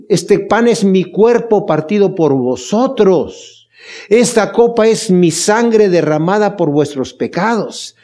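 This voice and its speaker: A male pastor delivers a sermon in a mellow, fairly high voice. He speaks earnestly and with emphasis, pressing his point with rhetorical questions. He addresses his congregation fondly. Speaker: pastor leading a Bible study.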